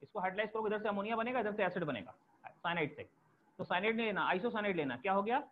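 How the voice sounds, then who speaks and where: A fast-talking male chemistry teacher with a high voice and lively intonation lectures step by step, repeating key terms for students to write down. There's a bit of hiss or hum on this tinny, phone-like lo-fi recording.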